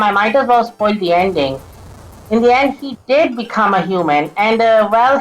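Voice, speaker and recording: Stumbling woman game commentator, higher voice. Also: rough recording. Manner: stuttering, flubs and restarts lines, laughs often. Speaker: gameplay commentator. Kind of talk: casual let's-play commentary.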